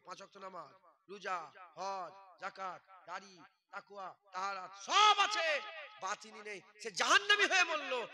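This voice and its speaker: A man preaching a waz sermon, scolding the crowd with rhetorical questions and swinging from low muttering to loud shouting.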